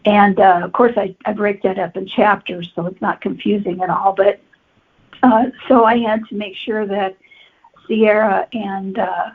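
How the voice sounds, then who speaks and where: Being interviewed on a podcast, a woman novelist talks about her work conversationally and matter-of-factly. Her voice is husky and mid-range, with little pitch movement and a measured pace. The line sounds tinny, like a phone.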